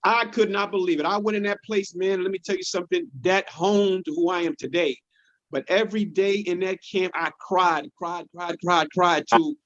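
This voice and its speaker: A man who is a comedian, chatting casually on a podcast and telling animated stories, often repeating words as he goes. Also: high voice, moderate pace. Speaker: comedian guest. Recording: dull lo-fi sound.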